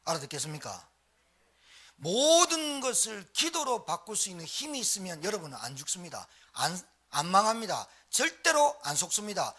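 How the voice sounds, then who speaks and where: In a church sanctuary during a live service, a male pastor preaches with a high, husky voice whose pitch swoops wildly. His tone is sharp and his speed normal as he exhorts the congregation with short repeated phrases and calls for response.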